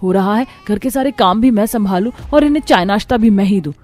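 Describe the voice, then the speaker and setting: A woman's voice: medium pitch, quick pace, a little mellow, natural voice. A woman voicing a frazzled young mother and daughter-in-law in a cartoon story. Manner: exasperated.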